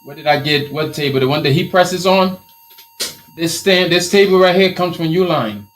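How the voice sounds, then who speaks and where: A man from Liberia, speaking with a Liberian accent, leads an informal live Q&A about his t-shirt business and keeps repeating his points with motivational energy. He speaks on the high side at a moderate pace.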